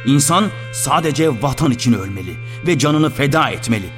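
A man voicing a stern army major who lectures his soldiers in a loud, commanding way. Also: mid-range voice, moderate pace, faint music behind, close to an everyday voice.

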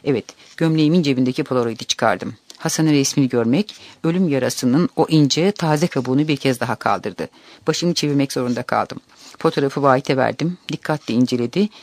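A man narrates a novel in a calm, measured, reflective way. His voice sits at an ordinary middle pitch. The recording is close and dry. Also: dry recording. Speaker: audiobook narrator.

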